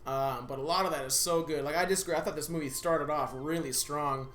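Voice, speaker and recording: A man's voice: fairly high pitch, fairly even intonation, fairly quick, fairly bright tone, roomy sound. A man co-hosting a casual movie review chat, laid-back, swearing often and laughing through his lines. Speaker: podcast co-host.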